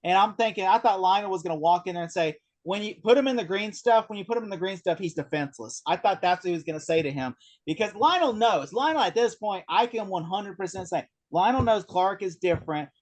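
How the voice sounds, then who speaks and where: A man co-hosting a casual TV recap chat, animated and acting out characters' lines as he talks. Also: high-pitched, quick pace. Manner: animated, acts out characters in quotes. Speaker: podcast co-host.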